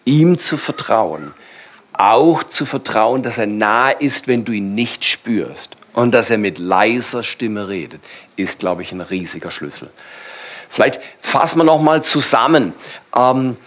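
Calm encouraging male pastor. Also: mid-range voice, a little slow. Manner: calm, encouraging, exhorting the congregation. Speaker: pastor leading a church panel. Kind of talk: sermon-style panel talk.

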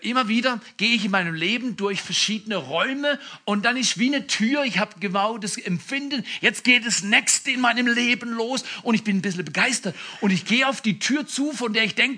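Bright husky male preacher. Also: high-pitched, moderate pace. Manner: animated, emphatic storytelling with asides. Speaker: pastor. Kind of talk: sermon.

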